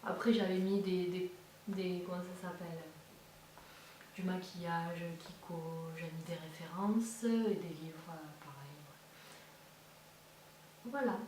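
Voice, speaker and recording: Low and darkish, this woman's voice comes slowly with long pauses as she chats informally in her beauty vlog. She hesitates a lot, restarting and filling gaps, and the clip has room echo, a distant mic, and light hiss.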